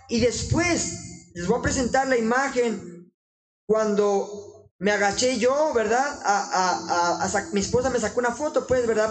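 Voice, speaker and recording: A man preaching informally in an earnest, exhorting way, often halting and restarting his sentences. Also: very high voice, rough recording.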